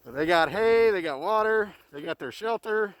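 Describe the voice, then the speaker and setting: A man's voice: high voice, expressive, normal speed, fairly bright tone. A man filming a casual vlog from his snowy sheep ranch, talking in an easygoing way, his voice muffled by a face mask. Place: outdoors on a snowy ranch and in a car.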